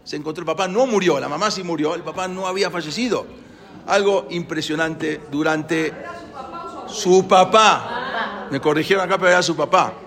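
A man's voice: a little high, moderate pace, a bit bright. A man telling a story aloud, hesitant and often correcting himself. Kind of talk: spoken storytelling.

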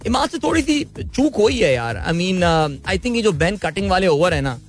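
Breezy Pakistani-accented morning host. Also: male voice, high-pitched, sing-song, normal speed, faint music behind. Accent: Pakistani Urdu. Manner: breezy, chatty and informal. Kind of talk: live morning show chat.

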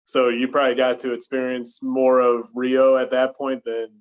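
A man's voice: medium pitch, monotone, moderate pace. A man interviewing an athlete, asking casual questions with many fillers and restarts.

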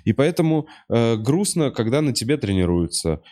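A man's voice: mid-range voice, big pitch swings, moderate pace, mellow. A man hosting a talk show, chatting casually in a thoughtful, hesitant way, with some swearing. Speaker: show host. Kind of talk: casual chat.

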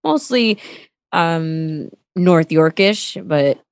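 Woman in her twenties, chatty radio guest, low pitch, dry close sound. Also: animated, extremely slow, creaky, no echo. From Canada. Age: 20s. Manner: chatty, friendly, laughs easily. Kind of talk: casual interview chat.

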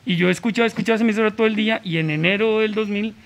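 A man from Colombia with an accent blended with Costa Rican speech, telling stories as a podcast guest in an animated, slangy way. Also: high voice, rapid-fire. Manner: animated, slangy, acts out dialogue. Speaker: podcast guest, radio announcer. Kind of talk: casual storytelling.

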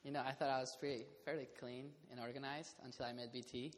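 A man's voice: mid-range voice, level tone, fast. A young man from Costa Rica chatting casually in a group, rambling with fillers and laughing often. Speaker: community house resident. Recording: reverberant room, faint noise.

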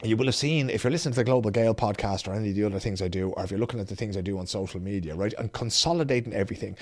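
A man hosts a podcast in a chatty Dublin accent. He talks quickly and colloquially, straight to his listeners, in a fairly low voice. The sound is close and dry. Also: a little mellow, no echo. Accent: Dublin Irish. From Ireland. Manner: colloquial, addresses listeners directly. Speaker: podcast host. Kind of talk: casual, chatty podcast talk.

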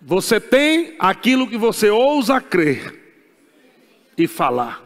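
High-voiced Brazilian pastor preaching. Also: male voice, huge pitch swings, slow, long reverb tail. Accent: Brazilian Portuguese. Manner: emphatic and repetitive, laughing as he preaches. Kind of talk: sermon.

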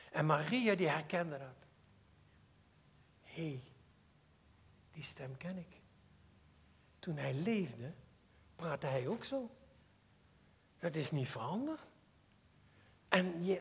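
A man with a Limburg Dutch accent preaches an earnest, personal sermon, swinging between loud emphasis and quiet asides. His voice is fairly high-pitched and slightly rough.

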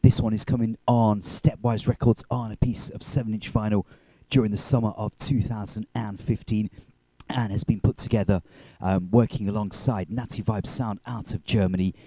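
Low, dark-voiced male radio host. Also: fairly even intonation, moderate pace, no room sound, poor audio. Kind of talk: radio presenting.

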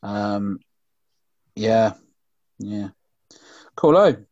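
A man hosting a casual chat, relaxed and swearing casually, on dry lo-fi call audio. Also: fairly low pitch, extremely slow, no echo.

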